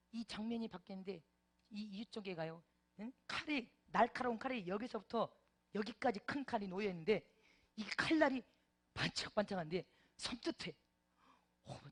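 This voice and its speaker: A middle-aged woman preacher telling a vivid testimony in a sermon, with many exclamations and interjections. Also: mid-range voice. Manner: animated storytelling with frequent interjections.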